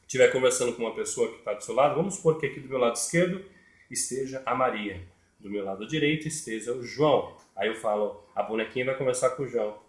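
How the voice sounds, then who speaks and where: Speaking fast at a medium pitch, a man explains puppetry in a step-by-step tutorial, repeating himself as he goes, in an echoey room.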